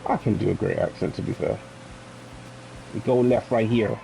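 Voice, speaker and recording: A man chats through live gameplay as a variety streamer and reacts aloud to the game. His voice is gravelly and dark, set a little low. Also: normal speed, a little hiss or hum, poor audio. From London.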